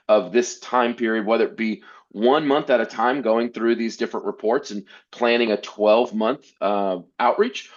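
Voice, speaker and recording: Man, webinar presenter, earnest, frequent restarts, video call, dull lo-fi audio. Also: on the low side. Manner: earnest, many restarts and repeated words. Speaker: workshop presenter.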